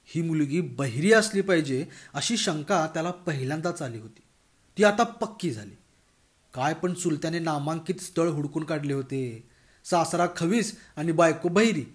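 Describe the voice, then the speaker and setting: High-voiced male storyteller. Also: fairly bright tone. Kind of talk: humorous story reading.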